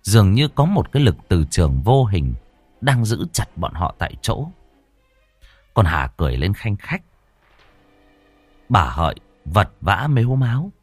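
Husky, lively storyteller. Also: male voice, fairly low pitch, measured pace, pauses often, no echo, faint music behind. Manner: expressive, theatrical delivery. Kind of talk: dramatic horror story narration.

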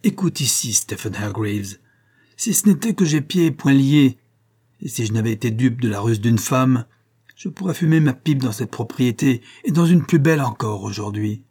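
A man's voice: mid-range voice, lively intonation, moderate pace, slightly rough. A man voicing a scornful, hot-tempered young horse trainer. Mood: furious. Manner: contemptuous, shouting insults. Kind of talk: audiobook character voice.

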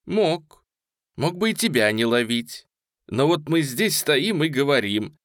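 A menacing young gunman, as a male narrator puts him on, coarse and cold, his voice rising sharply above the narrator's own pitch. The reading is dry and close, with no room sound. It sounds like a tense audiobook scene. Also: very animated, a little slow, dry recording.

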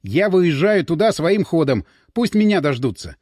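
A man's voice: on the high side, big pitch swings, normal speed, darkish tone, no room sound, studio quality. A male narrator voicing a tough, demanding police detective in an audiobook. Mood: urgent. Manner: demanding, clipped. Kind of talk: audiobook character voice.

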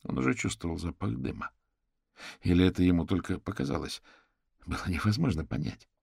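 A man narrating an audiobook in a steady, measured reading. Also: deep voice, creaky, husky, no room sound, studio quality. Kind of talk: scripted narration.

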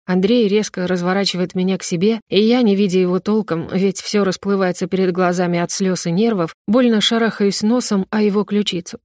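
A woman's voice: mid-range voice, steady tone, brisk, few pauses, darkish tone, no echo, studio quality. Young woman narrating an emotional audiobook. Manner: emotional, tearful first-person telling. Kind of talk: first-person scripted narration.

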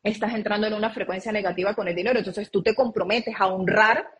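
A woman's voice: mid-range voice, fairly even intonation, quick pace, a bit bright. A woman speaking as an interview guest over a video call, earnestly explaining and drawing on her own experience.

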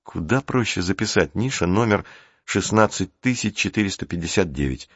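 A man's voice: sits low, animated, moderate pace, no echo. A man reading the part of a sceptical teenage boy who grumbles and teases, in a dry, dull recording. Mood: grumbling. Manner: grumbling, teasing.

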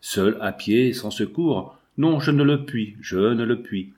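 A man's voice: on the low side, fairly even intonation, slow, a little mellow. A man reading a tender, anguished mother. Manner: distressed, pleading.

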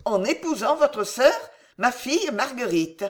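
A woman voicing a cold, calculating queen mother in an audiobook, speaking in a measured, persuasive way. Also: fairly high pitch, sing-song. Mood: triumphant. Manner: measured, persuasive, coolly triumphant. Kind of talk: audiobook character reading.

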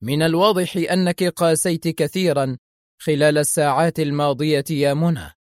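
A man's voice: fairly high pitch, fairly even intonation, dry recording, lightly acted. Casting: kind senior male official, read by the narrator, dry and close. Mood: gentle. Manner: gentle, measured speech. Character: kindly male intelligence director.

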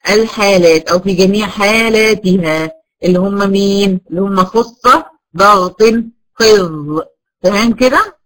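A woman's voice: medium pitch, moderate pace, a bit bright, rough recording. A woman with an Egyptian accent teaching a class of girls, posing questions and answering them herself while drilling each point again and again. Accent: Egyptian Arabic. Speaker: Quran recitation teacher.

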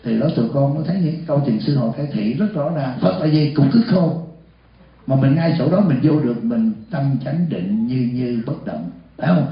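A man, a senior monk, giving a lively sermon in a temple hall and questioning his listeners. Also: medium pitch, moderate pace. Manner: lively, asks the audience questions and acts out short dialogues. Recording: echoey hall, dull lo-fi sound.

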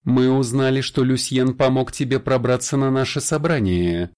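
A man's voice: mid-range voice, moderate pace, a little mellow, voice pushed up, lightly acted. A man voicing a sly, smirking male vampire elder who speaks in a raised, confiding voice in an audiobook. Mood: smug confiding.

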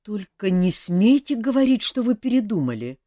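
A woman voicing a playful young king in a storybook, easygoing and teasing, voice leaping up and down in pitch, dry close recording without room sound. The reading stays lively and expressive throughout. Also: moderate pace, no echo. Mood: flustered. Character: young man, a good-humoured teasing king.

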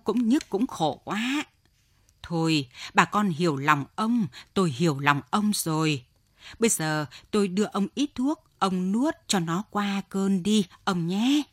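A woman voicing an old wife who pleads slowly and coaxingly with her husband in a storybook reading. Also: medium pitch, no echo, studio quality.

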